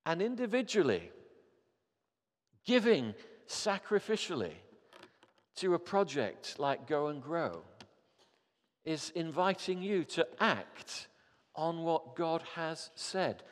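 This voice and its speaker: A man's voice: on the high side, sing-song, slow, pauses often. Earnest pastor in his fifties, reverberant hall. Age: 50s. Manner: earnest, rising to emphatic appeals. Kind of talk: sermon. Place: church hall.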